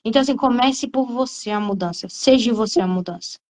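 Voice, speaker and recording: A woman tells her testimony in an earnest, conversational way. Her voice sits a bit high for a woman, and she restarts and repeats words as she speaks straight to her listeners. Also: a little fast, poor audio. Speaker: guest giving testimony. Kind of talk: casual testimony talk.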